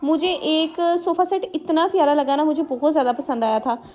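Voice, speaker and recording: High-pitched young mom doing casual vlog voice-over, chatty, talks right to viewers. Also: female voice, fairly even intonation, moderate pace, darkish tone. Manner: chatty, fillers and friendly asides to viewers. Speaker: family vlogger and mother.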